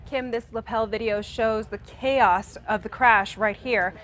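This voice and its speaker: A woman's voice: fairly high pitch, fairly even intonation, measured pace, a bit bright, slight background noise. A young woman delivering a scripted TV news report as a reporter. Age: young adult.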